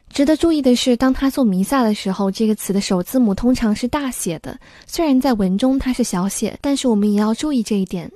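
A woman teaching English vocabulary in a scripted lesson, explaining in Mandarin and reading English examples slowly and clearly. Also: on the high side, mellow, no room sound, clean studio sound.

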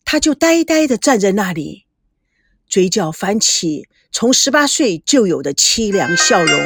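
Woman narrating a story, dramatic and lively. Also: medium pitch, a little slow, husky, faint music behind.

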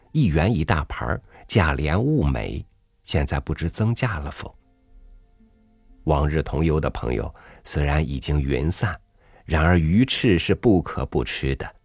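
Very deep-voiced man reading a story. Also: a little mellow, slightly rough, no echo. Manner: measured, reflective reading. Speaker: narrator. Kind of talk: literary audiobook narration.

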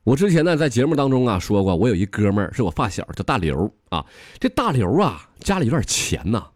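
A man's voice: medium pitch, sing-song, quick pace, dry recording, clean studio sound, faint music behind. A man with a Northeastern Chinese accent hosting a comedy podcast, telling bawdy jokes with plenty of chuckling. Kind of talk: comic storytelling.

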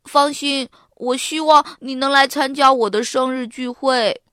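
A woman voicing an eager, cheerful young schoolboy in a children's storybook, with a lively, animated voice. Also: high-pitched, measured pace, smooth. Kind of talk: children's audiobook reading.

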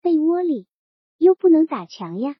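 Timid young bride, meek soft-spoken, woman reader voicing her, dull lo-fi recording. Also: high-pitched, very animated, moderate pace, no room sound. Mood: pleading.

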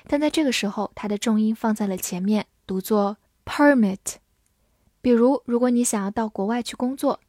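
Lady teacher doing a vocab lesson, kinda high voice, super slow, spells stuff out letter by letter. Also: a little mellow, dry recording, clean studio sound. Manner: slow, spells words letter by letter and repeats them.

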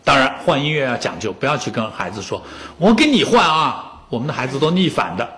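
A man's voice: mid-range voice, expressive, fast, pushed and bright. A man in his fifties giving a public lecture on music, telling anecdotes and joking with the audience.

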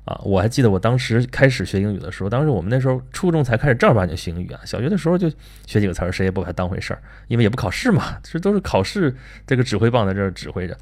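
Host, male, quick animated delivery, keeps asking rhetorical questions. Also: lowish voice. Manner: lively, rhetorical questions, frequent filler particles. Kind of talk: casual lecture-style talk.

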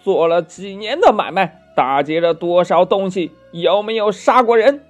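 A man's voice: high voice, expressive, moderate pace, soft background music, voice pushed up. A man voicing a clever monkey-king monk in a children's storybook reading, mock-humble in manner. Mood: stern.

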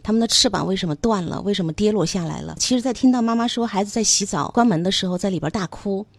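A woman's voice: medium pitch, quick pace, gravelly, dry recording. A woman hosting a talk show, speaking emotionally and from the heart as she introduces the segment.

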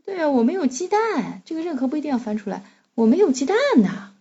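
A woman's voice: high voice, sing-song, quick pace, dark tone, muffled recording. A woman guiding a child through a storybook, chatting and explaining casually and prompting with short questions. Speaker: reading tutor guiding a child.

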